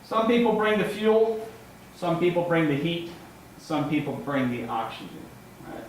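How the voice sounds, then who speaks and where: A man delivers a conversational sermon, stumbling and restarting as he goes, often checking in with a short questioning tag. His voice carries through a very echoey room, picked up from some distance, with faint noise behind it. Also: a little high. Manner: halting, with repeated words and restarts; ends points with checking tags like "right?" and "okay?". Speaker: lay preacher giving a first sermon. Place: large echoing indoor room, before a congregation.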